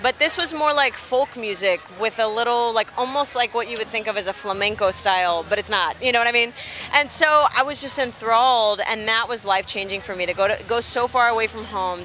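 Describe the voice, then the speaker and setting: A young woman from Texas, a musician being interviewed outdoors, telling stories in an animated, chatty way and laughing easily. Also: a little high, normal speed, slight background noise. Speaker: musician guest. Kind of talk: casual interview chat. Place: outdoors at a festival near traffic.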